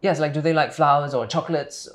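In a scripted comedy series, a man plays a polite, hesitant English tutor from England who uses formal, careful phrasing. His voice sits on the high side with a steady tone, and he speaks fast in a lightly acted style.

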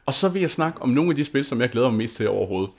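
Rambling excited young man gaming. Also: medium pitch. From Denmark. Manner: rambling, gushing, full of fillers and restarts. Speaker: gaming channel host. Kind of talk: casual gameplay commentary.

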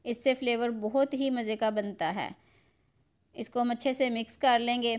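A woman's voice: on the high side, fairly even intonation, normal speed, clean tone. A middle-aged woman, walking viewers through a recipe step by step in her home kitchen. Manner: homely, step-by-step instructions addressed to viewers. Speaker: cooking channel host. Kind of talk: home cooking tutorial narration.

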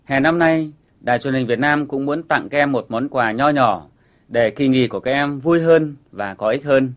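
Patient male teacher for a kids' TV English lesson, steady mid-pitched voice, clear step-by-step delivery. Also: normal speed, faint music behind.

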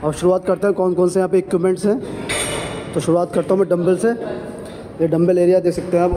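A man's voice: high voice, flat delivery, fast. A man giving a walking tour of a busy gym, plainly pointing things out and repeating himself as he goes. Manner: plain, repetitive guiding, points things out as he walks. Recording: noisy gym background.

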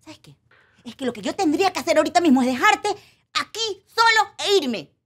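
A woman's voice: very high voice, big pitch swings, brisk, fairly bright tone, slight background noise, exaggerated voice. An actress playing an exasperated young woman who scolds impatiently.

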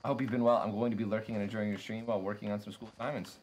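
A young male game streamer chats casually with viewers from his home streaming room while he plays, thanking them and griping about lag. His lowish voice is flat, a little mellow and slightly congested, and he talks at a racing pace over a little hiss or hum.

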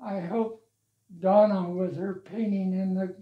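An elderly man's voice sits high as he slowly tells stories from his life and his work with the church, chuckling occasionally. He's the interviewee in a relaxed conversation, seated in an armchair in his living room, and his lavalier mic yields a roomy, slightly dull recording.

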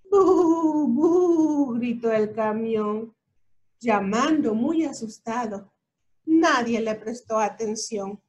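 Slow, high-voiced woman reading a storybook. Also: slight background noise. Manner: slow and expressive, talking to a child. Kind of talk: children's storybook read-aloud.

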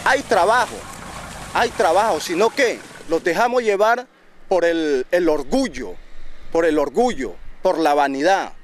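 A man's voice: a little high, animated, measured pace, a little hiss or hum. A young man, speaking earnestly and proudly in an outdoor documentary interview, often repeating words and restarting. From Ecuador. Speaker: waste picker interviewee. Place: outdoors at a landfill. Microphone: handheld interview mic.

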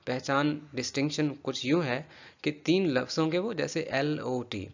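A man teaching English pronunciation, patiently drilling words slowly and repeating them for a learner. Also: a little high, vocal fry, highs cut off. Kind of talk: spoken language lesson.

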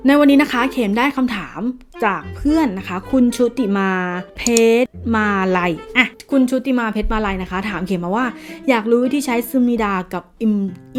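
Chatty woman teaching a casual lesson over music. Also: mid-range voice. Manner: chatty, talks straight to viewers and calls herself by name. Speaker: Korean language teacher. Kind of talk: casual online language lesson. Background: background music.

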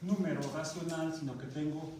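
A man with a Mexican Spanish accent lectures to a class, his voice a bit high for a man. He is picked up from far off by a camera, so the room's heavy echo and a steady background noise come through. He often asks the class questions and breaks off words mid-way. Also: normal speed. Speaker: university math teacher. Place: university classroom. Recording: very echoey classroom recorded from far off, noisy.

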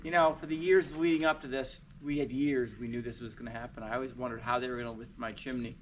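A chatty man giving a plainspoken basement tour for his own channel, voice sitting in a middle range. His talk is relaxed and full of small "uh" fillers. Faint noise and crickets hang behind him. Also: medium pitch, fast. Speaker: woodworking channel host. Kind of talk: casual walkthrough vlog. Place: basement under a lifted house.

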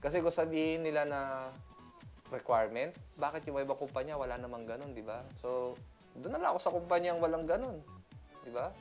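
A man's voice: a little high, expressive, brisk, soft background music. A man from the Philippines, a seaman, talking casually in a chatty vlog, laughing often and mixing in English. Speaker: seaman vlogger.

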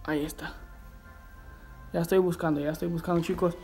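A man hosting a live gameplay stream, chatting excitedly and reading viewer messages aloud. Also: on the high side, fairly quick. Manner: excitable, reads viewer chat aloud, shouts at the game. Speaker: livestreaming gamer host. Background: game music.

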